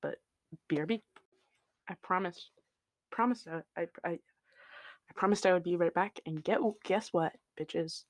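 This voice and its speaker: A man's voice: high-pitched, unhurried, long pauses, dry recording. A man hosting his own solo podcast, talking casually in a rambling, tangent-prone way with lots of "like" and "um" and some swearing, into his home microphone. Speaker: podcast host.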